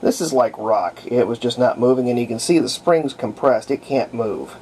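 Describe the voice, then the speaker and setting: With slight background noise behind him, a man of medium pitch and darkish tone talks at a moderate pace. He's a hobbyist radio restorer demonstrating a repair at his indoor workbench, chatting in an unscripted, folksy way as he goes.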